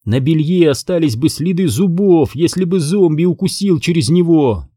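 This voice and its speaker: A man's voice: on the high side, animated, moderate pace, mellow, husky, no echo, clean studio sound, pitched above the performer's own voice. A man reading an audiobook who voices a frightened, lovesick teenage girl in a raised, tearful, pleading voice. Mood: indignant.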